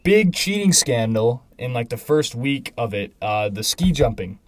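A man's voice: medium pitch, big pitch swings, unhurried, no room sound. A young man co-hosting a casual sports podcast with slangy frat-bro banter. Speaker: podcast co-host.

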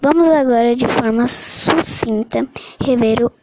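A woman reading a Portuguese grammar summary aloud as a lesson, halting often and correcting her own slips. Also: fairly high pitch, a little mellow, a little hiss or hum, poor audio. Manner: slow, halting reading with restarts and self-corrections. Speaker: teacher reading a study summary.

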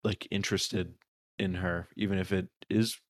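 A man with a low voice talks through a short story on a casual book podcast. He rambles a little, fills gaps with ums and likes, and circles back on himself. The sound is dry and close. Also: flat delivery, moderate pace, no echo. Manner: rambling retelling with many fillers. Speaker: podcast co-host.

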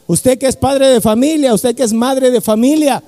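A man's voice: very high voice, normal speed, dark tone, long reverb tail. A man preaching a fervent sermon, repeating key phrases and calling the congregation 'brother'.

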